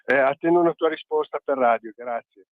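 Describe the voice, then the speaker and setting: A man calling in to a radio show over the phone, making an earnest complaint in a hesitant, halting way. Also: mid-range voice, dry recording. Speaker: caller. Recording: tinny dry phone line.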